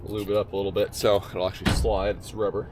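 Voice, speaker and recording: A man's voice: on the low side, little pitch movement, quick pace. A man chatting casually to camera in a vlog as he gears up to spearfish from a coastal jetty, upbeat and often laughing at himself, recorded on an action camera in a waterproof case. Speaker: spearfishing vlogger. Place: outdoors on a coastal jetty, getting ready to dive. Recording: noisy outdoor action-camera audio.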